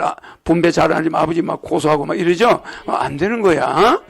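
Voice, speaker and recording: Gravelly high-pitched older man lecturing. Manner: repetitive, asks the audience "right or not?"; chuckles while lecturing. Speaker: religious leader lecturing followers. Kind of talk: rambling sermon-lecture to an audience.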